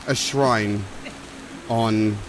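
An English man casually commentates as he plays a game on a live stream, reading chat and thanking his viewers. His voice is on the low side and steady, and he talks extremely slowly. Game music plays, with slight background noise.

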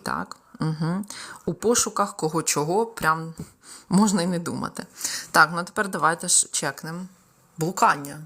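With a low voice and a sharp tone, this young Ukrainian-accented woman tutors a live exam-prep class. She gives explanations in Ukrainian and reads English example sentences slowly.

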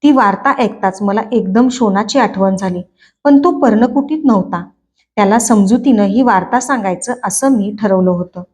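A woman hosting a book reading channel, narrating a novel in a clear, expressive storytelling manner. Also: medium pitch. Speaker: book reader.

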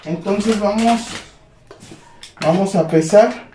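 High-voiced man teaching a home recipe. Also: slow pace. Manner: relaxed, many fillers, addresses viewers as friends. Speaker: cooking channel host. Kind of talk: home cooking demonstration. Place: home kitchen. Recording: echoey kitchen with faint noise.

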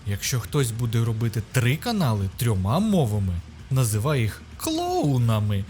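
A man's voice: mid-range voice, wildly swooping pitch, normal speed, darkish tone, soft background music. A man with a Ukrainian accent hosting his channel, narrating a mock guide in a sarcastic, ironic tone. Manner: mocking, ironic. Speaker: YouTube host.

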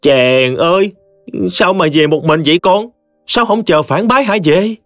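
A man's voice: high voice, measured pace, fairly bright tone, no room sound, studio quality, soft background music, voice pushed up. A man voicing a hot-tempered elderly mother with a Southern Vietnamese accent, speaking in fiery exclamations. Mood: angry.

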